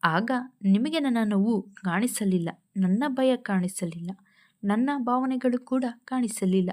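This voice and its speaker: A woman doing a gentle young woman in a storybook drama, soft and slow in speech, honest about her hurt. The tone is warm and mellow. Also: medium pitch, lightly acted.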